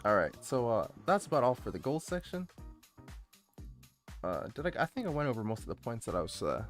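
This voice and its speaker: Introducing his channel on a livestream, a VTuber rambles and hesitates while responding to viewers, getting sidetracked easily in his indoor streaming space. His medium-pitched voice is very animated and a little fast over soft background music.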